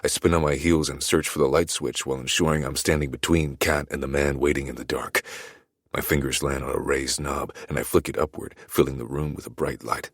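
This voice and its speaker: A man narrating an audiobook in the first person, his voice extremely deep and gravelly with a husky edge. He reads in a brooding, measured way. The recording is close and dry. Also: fairly even intonation, no room sound.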